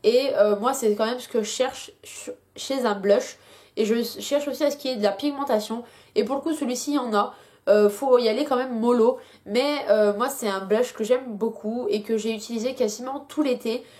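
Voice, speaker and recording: A woman's voice: fairly high pitch, moderate pace, darkish tone. A young woman chatting casually in a beauty product review, full of hesitations, while she has a headache. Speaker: beauty vlogger.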